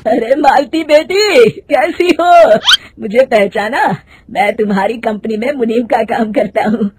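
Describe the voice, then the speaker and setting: A woman's voice: on the high side, unhurried, noisy background, close to an everyday voice. A woman voicing a kindly, worried old male accountant in a cartoon story. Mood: concerned. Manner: friendly, warning.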